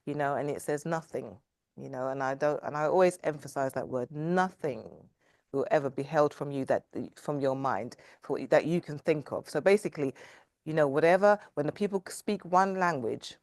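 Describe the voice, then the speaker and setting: Woman, panel guest, low voice, halting and reflective. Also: fairly even intonation, darkish tone, no echo, clean studio sound. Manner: thoughtful, halting with fillers. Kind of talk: reflective faith discussion.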